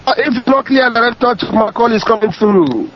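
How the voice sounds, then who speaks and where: A man heard through a phone line as he calls into a radio broadcast, his voice pitched high for a man. The sound is dull and lo-fi. He speaks formally and at length to the listeners. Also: expressive, a little fast. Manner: formal, addresses listeners in long greetings. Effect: heard over a phone line. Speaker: caller, barrister. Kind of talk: formal radio call-in greeting. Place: calling from London.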